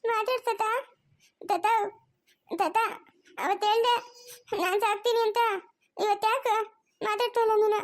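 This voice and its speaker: Woman playing weepy little girl for a cartoon, very high, sobbing pleas. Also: steady tone, takes it slowly, long pauses. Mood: tearful pleading. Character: young granddaughter, tearful and pleading.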